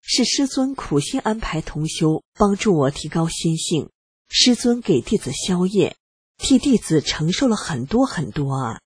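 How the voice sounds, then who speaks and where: Calm husky first-person reader. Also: mid-range voice, a little slow, no room sound. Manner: calm, earnest reading. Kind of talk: scripted first-person narration.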